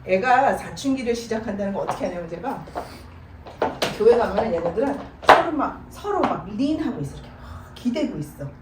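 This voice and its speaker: A middle-aged woman giving a church parenting seminar, telling stories with animated delivery and slipping English words into her talk. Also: mid-range voice, a little fast. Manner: animated storytelling, mixes English words into Korean. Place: church hall. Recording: echoey room, voice from far off, faint noise.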